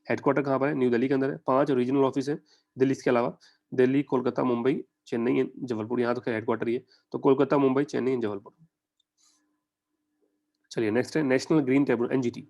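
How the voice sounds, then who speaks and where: Indian guy teaching exam prep, talks quick, chatty, keeps asking the class stuff. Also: medium pitch, fairly even intonation, vocal fry, a little mellow, highs cut off. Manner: conversational, addresses students directly with quick questions. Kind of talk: online lecture in mixed Hindi and English.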